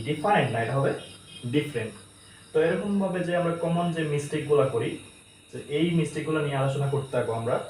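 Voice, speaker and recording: A man's voice: on the high side, a little mellow, far from the mic, a little hiss or hum. Man teaching pronunciation in an echoey room. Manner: explains slowly, repeats words for emphasis. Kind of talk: casual spoken lesson.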